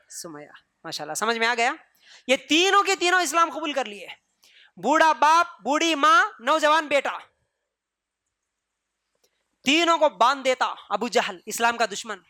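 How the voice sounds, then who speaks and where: A man with a Deccani Urdu accent giving an animated religious storytelling lecture, quizzing listeners and repeating phrases for emphasis. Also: very high-pitched, no echo, studio quality. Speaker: preacher.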